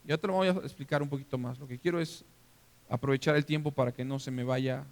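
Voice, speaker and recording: A man with a Mexican accent preaching a sermon as pastor, animated and interactive, often checking that the congregation is following. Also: medium pitch, fast talker. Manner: animated, acts out scenes for the listeners. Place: church hall. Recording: long reverb of a church hall.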